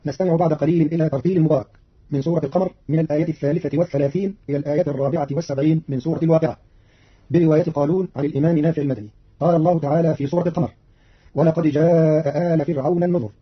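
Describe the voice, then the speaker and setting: Fast formal male radio presenter. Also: on the high side, fairly even intonation, breathy edge. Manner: fast, formal, didactic delivery. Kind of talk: scripted explanation of recitation readings. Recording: dull lo-fi radio recording.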